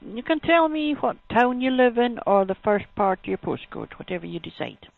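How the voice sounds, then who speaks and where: On a muffled, tinny phone line with no echo, a woman advising callers for a sexual health helpline speaks in a fairly high, creaky voice. Her pitch swings a lot at a moderate pace as she explains things plainly.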